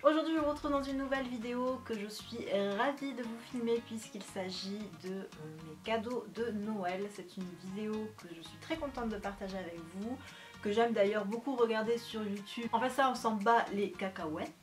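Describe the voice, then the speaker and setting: A woman's voice: fairly high pitch, normal speed, music in the background. Chatty young woman, bubbly and self-mocking. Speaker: vlogger. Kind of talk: casual chat. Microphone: studio microphone.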